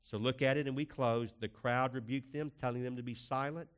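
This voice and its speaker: Man, pastor, emphatic sermon, rhetorical questions, mid-pitched voice. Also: a little fast, clear, resonant tone. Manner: emphatic preaching with rhetorical questions, lively swings in pace.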